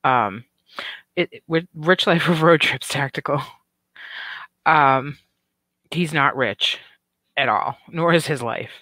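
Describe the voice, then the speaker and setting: A middle-aged woman with a low-sitting, bright and forceful voice hosts a casual livestream, speaking slowly with long pauses. She rambles and swears, fills her talk with "um" and "like," reads viewer comments and chats with them, all while having the hiccups. There is no room sound.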